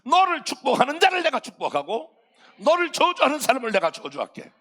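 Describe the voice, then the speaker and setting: 한 남자 목사가 설교 중에 아브라함을 안심시키며 약속하는 하나님의 목소리를 흉내 낸다. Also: male voice, extremely high pitch, huge pitch swings, a little fast, a bit bright, voice pushed up, heavily acted. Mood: reassuring. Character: God, male, reassuring and protective.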